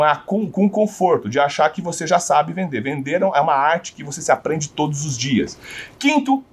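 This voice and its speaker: Brazilian male sales trainer, husky tone, very expressive intonation, teaching a room of salespeople. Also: a little high. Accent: Brazilian Portuguese. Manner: animated, asks the audience rhetorical questions.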